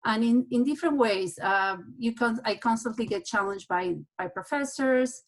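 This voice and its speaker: A woman's voice: a little high, normal speed. A woman from Uruguay, an architect and project manager, giving a personal, anecdotal panel presentation over a video call. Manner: personal and anecdotal, some restarts.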